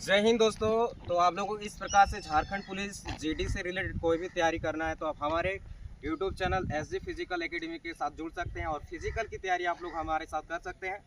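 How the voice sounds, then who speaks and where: High-voiced man calling drill counts. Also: steady tone, brisk, recorded from a distance, background noise. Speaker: physical training coach. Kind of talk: outdoor drill instruction. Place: outdoor training ground.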